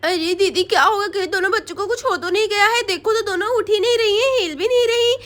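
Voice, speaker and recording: A woman's voice: very high voice, fast talker, fairly bright tone. A woman voicing a polite, anxious young woman who frets about the sleeping children. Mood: worried. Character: worried young woman, gentle younger sister-in-law.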